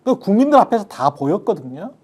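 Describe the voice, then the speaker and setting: Mellow-voiced emphatic male panelist. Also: high-pitched, sing-song, fairly quick, husky. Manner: emphatic, drifts into blunt casual speech. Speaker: political talk show panelist. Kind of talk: political talk show discussion.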